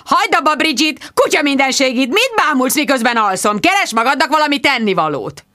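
Woman playing a yelling, irritable man. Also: high voice, very animated, pitched above the performer's own voice, heavily acted. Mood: angry. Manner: yelling, exasperated. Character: irritable man woken up, shouting.

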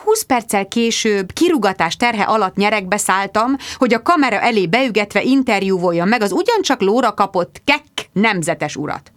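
A woman narrating a comic novel in the first person, with expressive delivery. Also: mid-range voice, hardly any pauses. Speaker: audiobook narrator.

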